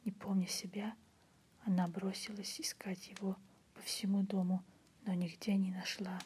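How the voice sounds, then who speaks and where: A woman reads a literary story in a breathy, unvoiced ASMR whisper, softly and in a measured way. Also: medium pitch, level tone. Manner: soft, measured literary reading. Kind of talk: whispered ASMR audiobook narration. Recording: faint background noise.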